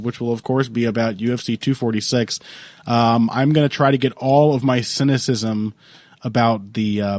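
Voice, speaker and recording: A man's voice: medium pitch, darkish tone, no echo. A young man with a sick, congested voice, co-hosting a casual podcast, rambling and swearing often. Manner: rambling, profane, laughs often. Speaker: podcast co-host.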